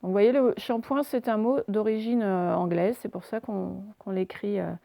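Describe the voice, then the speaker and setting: A woman's voice: medium pitch, fairly even intonation, moderate pace, vocal fry, warm tone, no echo. A woman teaching reading and handwriting to young children remotely, recorded on a phone, explaining step by step with frequent hesitations. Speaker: primary school teacher.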